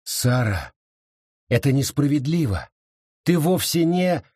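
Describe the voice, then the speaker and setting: A man voicing a fierce, vengeful young woman who speaks slowly and coldly, with mocking menace and a husky tone. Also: mid-range voice, sing-song, darkish tone, no echo, clean studio sound, exaggerated voice. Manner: slow, menacing, taunting delivery.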